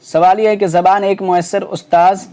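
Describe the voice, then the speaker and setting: A man coaching students for a teaching exam. His voice is fairly high for a man and mellow in tone. He talks casually, with lots of fillers and rhetorical questions as he rules out each answer option. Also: level tone. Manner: conversational, many fillers and self-corrections, rhetorical questions.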